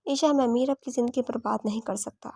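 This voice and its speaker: A man's voice: very high voice, level tone, moderate pace, a little mellow, no room sound, studio quality. A woman reading the lines of a weary, dutiful married man in a romance audiobook. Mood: weary, firm. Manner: read plainly in the narrator's voice.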